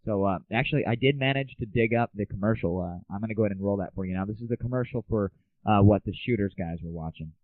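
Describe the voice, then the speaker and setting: A young American man with a lowish voice talks fast, hosting a casual solo show of gaming news and comic rants that's irreverent, opinionated and full of slang. The recording is dry, tinny and narrow, like a phone.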